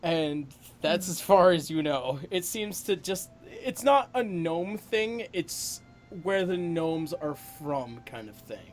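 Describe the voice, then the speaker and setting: A man's voice: on the high side, lively intonation, faint music behind. A man narrating a tabletop role-playing game as game master, hesitating often with ums and uhs. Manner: slow, halting narration full of ums and uhs.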